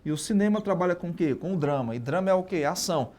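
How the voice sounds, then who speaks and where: Lively Brazilian man teaching a class. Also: high-pitched, quick pace. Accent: Brazilian Portuguese. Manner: lively, asks and answers own questions, frequent tag questions. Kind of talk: live online exam-prep lesson.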